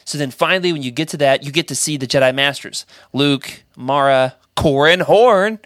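Bright, eager male podcast host. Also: medium pitch, fairly even intonation, fairly quick, smooth, dry recording, clean studio sound. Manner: enthusiastic, rambling, jokey. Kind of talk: casual fan podcast chat.

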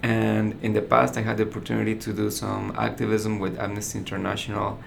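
Flat gravelly man. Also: lowish voice, brisk, slight background noise. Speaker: resilience navigator. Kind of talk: personal introduction.

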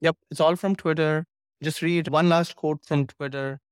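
A man's voice: a little high, steady tone, moderate pace, clean tone, no room sound, clean studio sound. A man talking as an interview guest over a video call, eagerly walking through his material step by step. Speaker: guest course creator. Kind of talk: casual interview chat.

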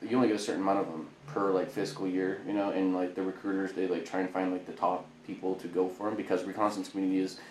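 A man from Idaho, a former Marine, telling his story as a podcast guest in a profane, animated way. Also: low voice, rapid-fire, few pauses. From Idaho, United States. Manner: profane, animated storyteller who acts out quotes. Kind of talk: casual interview storytelling. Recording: echoey room, faint background noise.

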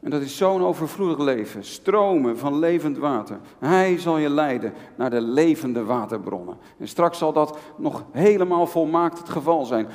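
A middle-aged man preaching with fervent, pastoral warmth, addressing his congregation directly. His voice sits a little high for a man and carries a long reverb tail from the church hall around him. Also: lively intonation, moderate pace, few pauses. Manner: fervent, rising to impassioned pleading; pastoral, speaks directly to listeners. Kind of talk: sermon.

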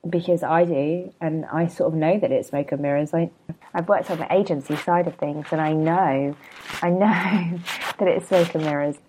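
A woman in her thirties, a blogger, hosts a casual solo podcast in a low, mellow voice. She is chatty and self-deprecating, rambles into asides, and sounds a bit hungover.

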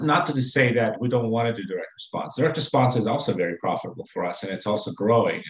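A man with a fairly low voice talks through his company's work in an interview. He hesitates a lot, with fillers and restarts. The sound carries a noticeable room echo. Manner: halting, many fillers and restarts. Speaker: company executive guest. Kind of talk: business interview.

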